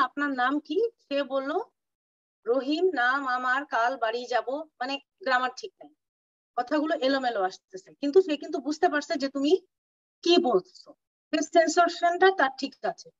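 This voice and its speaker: A woman gives an online clinical lecture, slowing down to spell out medical terms and stopping to ask if everyone follows. She sounds set back from the mic on a dull, lo-fi call with a dry, dead sound. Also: sits high, dry recording. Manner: explains terms slowly, mixing English terms, checks understanding. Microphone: video call. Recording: distant, dull lo-fi audio, dry.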